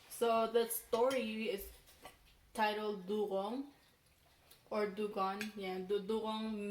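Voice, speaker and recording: A young adult woman from Palau telling a story casually, in a halting, rambling way with frequent self-corrections. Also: medium pitch. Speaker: mukbang vlogger telling a folk legend. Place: small room indoors, seated at a table. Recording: roomy echo, background noise.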